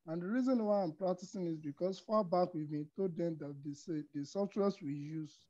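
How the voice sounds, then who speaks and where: A man's voice: high voice, normal speed, mellow. A man, a student, asking the instructor a question over a video call, hesitant with fillers. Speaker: student participant. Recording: dull lo-fi call audio.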